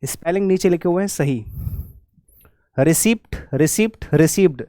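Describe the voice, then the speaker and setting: A man teaching an exam spelling lesson, spelling out words letter by letter and repeating them slowly. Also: high-pitched, expressive, mellow, dry recording, clean studio sound. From India. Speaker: English teacher.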